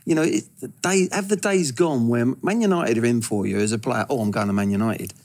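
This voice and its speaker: A man in his sixties talking as a football pundit in a TV studio, animated and stumbling over his first words, on a lapel mic. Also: medium pitch, brisk. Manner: animated, gesturing with hands, repeats words when starting. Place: large TV studio.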